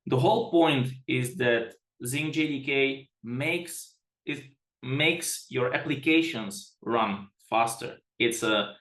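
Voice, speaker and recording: A man's voice: mid-range voice, fairly bright tone. Man, from the Czech Republic, webinar presenter, chatty, self-deprecating, restarts sentences, echoey room. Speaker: product management director.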